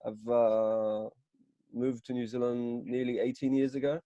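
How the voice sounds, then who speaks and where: Man on a video call, dark mellow voice. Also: mid-range voice, flat delivery, unhurried, dry recording, highs cut off. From Israel. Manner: rambling, with many fillers and restarts. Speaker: counselor and psychotherapist. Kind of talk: casual self-introduction on a video call. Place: home, early morning.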